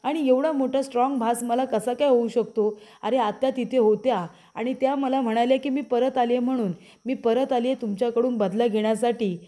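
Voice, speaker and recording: A frightened young wife from a TV serial pleads and insists that she is telling the truth, voiced by a woman narrator. The voice is slightly high and mellow, and it is full of anxious urgency. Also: steady tone, a little fast, hardly any pauses, lightly acted. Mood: insistent.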